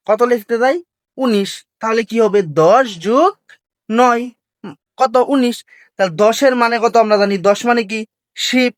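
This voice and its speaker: A woman teaching a Korean language lesson, asking the class a question after each point and answering it herself. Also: fairly high pitch.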